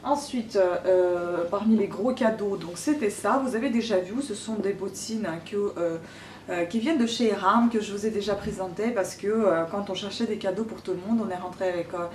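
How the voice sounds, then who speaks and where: A woman's voice: mid-range voice, a little mellow, a little hiss or hum. Woman in her thirties, chatty and hesitant, echoey room, mic set back. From Ukraine. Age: 30s. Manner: chatty, hesitant, many pauses. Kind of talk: casual chat showing gifts to camera. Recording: roomy, distant from the mic.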